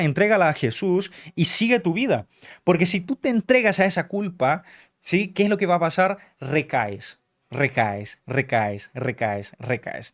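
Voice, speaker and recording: Earnest guy coaching at a drawing board, voice a bit high, keeps asking "ok?". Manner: earnest, keeps checking understanding with short tag questions; repeats key phrases for emphasis. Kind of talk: teaching talk explained at a drawing board. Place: indoors, drawing as he explains.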